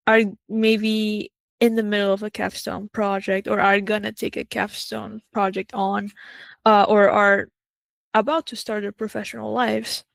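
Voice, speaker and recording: A woman's voice: medium pitch, vocal fry, no room sound. A woman from Peru hosting an interview, talking casually and enthusiastically with many fillers. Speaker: interview host. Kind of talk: conversational video interview.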